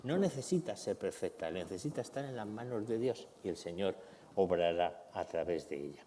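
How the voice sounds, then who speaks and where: Animated preacher, Spanish accent, church reverb. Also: male voice, low voice, moderate pace, a little hiss or hum. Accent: Spain Spanish. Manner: animated, acts out family scenes with shouted voices. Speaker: pastor. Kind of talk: sermon. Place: church hall.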